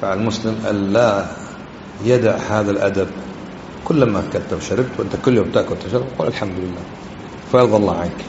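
A man's voice: on the low side, rapid-fire. A man giving a religious lesson, explaining grammar and quizzing his listeners with repeated questions. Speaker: religious teacher. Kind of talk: classroom lesson on hadith and grammar. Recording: echoey hall, dull lo-fi, faint hiss.

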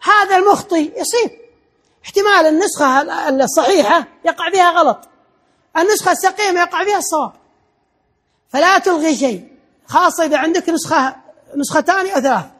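A man lectures a class at a quick clip. His voice sits high, and he works through his points by repeating them and restarting words as he goes. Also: lively intonation, a bit bright.

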